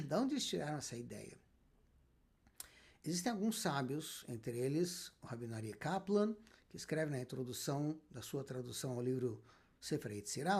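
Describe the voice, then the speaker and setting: Male rabbi, husky lively delivery, lectures with rhetorical questions. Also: fairly high pitch. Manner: emphatic, asks and answers his own questions. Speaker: rabbi teaching Kabbalah. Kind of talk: spoken lecture.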